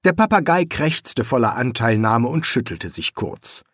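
A man narrating a fantasy audiobook in an expressive reading. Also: medium pitch, a little slow, no room sound, studio quality. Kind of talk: scripted narration.

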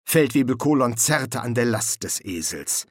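Guy reading an audiobook, raspy gravelly voice, bouncy delivery, dry close mic. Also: medium pitch, expressive, a little slow, no echo. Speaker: audiobook narrator. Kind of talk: scripted narration.

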